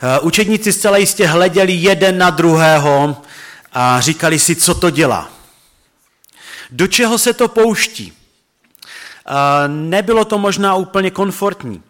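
A man preaching a sermon and reading scripture aloud, earnest and reverent, slowing and dropping low on key words. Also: expressive, a bit bright. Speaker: pastor.

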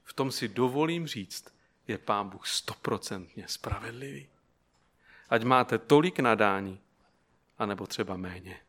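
Man, preacher, sermon, bright forceful voice, rhetorical questions to the congregation. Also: fairly low pitch, expressive. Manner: asks the listeners rhetorical questions; tells an illustrative story to the audience.

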